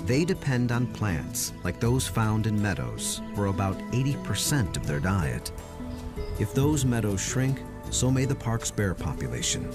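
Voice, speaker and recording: A man's voice: fairly low pitch, very animated, a little slow, over loud music. A man reading scripted narration for a nature documentary.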